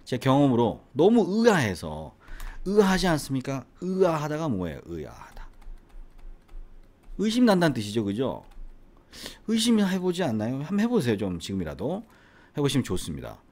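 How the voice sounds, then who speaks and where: A man's voice: medium pitch, huge pitch swings, moderate pace, a little mellow. A middle-aged man from the Gyeongsang region with a faint Gyeongsang accent, an English academy owner and teacher talking casually to the camera and often asking the viewer rhetorical questions. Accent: faint Gyeongsang Korean. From Gyeongsang region, South Korea. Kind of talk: casual educational monologue to camera.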